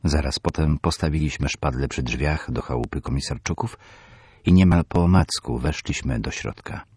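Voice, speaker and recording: A man narrating a horror audiobook in the first person, measured and tense. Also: a bass voice, a little mellow, husky, no room sound, studio quality.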